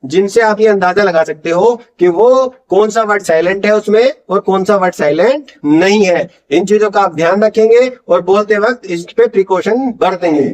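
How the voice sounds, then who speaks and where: A man with an Indian accent teaching English pronunciation in Hindi, patiently explaining and slowly drawing out model words for learners to repeat. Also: high voice, darkish tone, dull audio. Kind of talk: Hindi-language pronunciation lesson.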